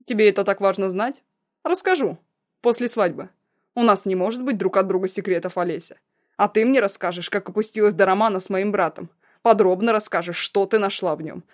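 A woman voicing a cruel young man, a blackmailing ex-fiancé, in a loud, mocking, threatening way. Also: medium pitch, brisk, close to an everyday voice. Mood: menacing.

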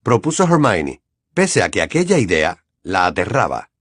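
A man narrating a dramatized audiobook in an even storytelling delivery. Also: low-pitched, normal speed, husky, dry recording, clean studio sound.

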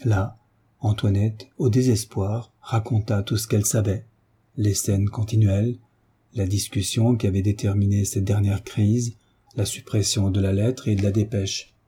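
A man reading a novel aloud as audiobook narrator, with steady, measured storytelling. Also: on the low side, husky.

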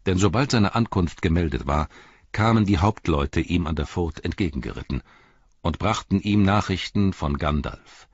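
Male audiobook narrator, very deep and husky, solemn and measured, close and dry. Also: expressive, dry recording, highs cut off. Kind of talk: scripted fantasy narration.

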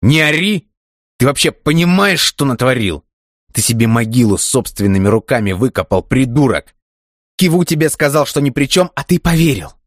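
A man voicing a hot-tempered young gangster who swears and yells at his friend. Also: low-pitched, moderate pace, dry recording, studio quality. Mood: yelling furious.

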